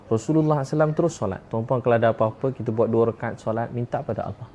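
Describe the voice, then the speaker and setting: A man's voice: mid-range voice, fairly even intonation, fast, mellow, a little hiss or hum. A man with a Malaysian accent preaching a sermon with impassioned delivery, repeating key phrases for emphasis.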